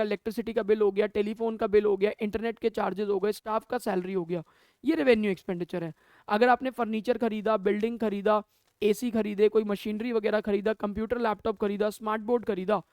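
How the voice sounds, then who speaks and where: A man's voice: high-pitched, darkish tone, no echo. A man teaching an accounting class, talking to students, asking questions and answering them himself, mixing Hindi with English terms. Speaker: commerce teacher. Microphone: camera mic.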